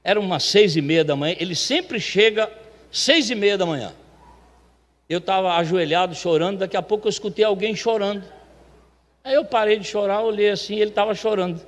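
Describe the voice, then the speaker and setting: High-voiced man telling a story from the pulpit. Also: fairly quick. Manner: chatty, animated, acts out the voices of the people in his story. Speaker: church elder telling a testimony. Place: church sanctuary. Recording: long reverb of a church hall.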